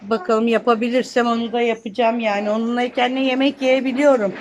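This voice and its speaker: A woman's voice: a little high, little pitch movement, a little fast, slight background noise. An older woman from Turkey chatting to viewers in a casual home vlog while minding her grandchild, filmed on a phone in a small apartment. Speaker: grandmother vlogger. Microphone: phone camera.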